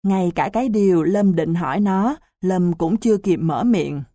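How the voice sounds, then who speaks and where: A woman reading a children's novel aloud as a storybook narrator, in an unhurried, even reading manner. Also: on the low side, no echo, studio quality. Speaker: audiobook narrator.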